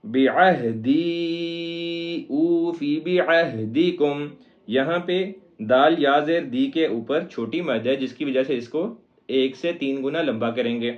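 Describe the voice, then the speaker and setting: A man's voice: mid-range voice, lo-fi sound. A man teaching Quran recitation in a recorded lesson, patiently explaining each step.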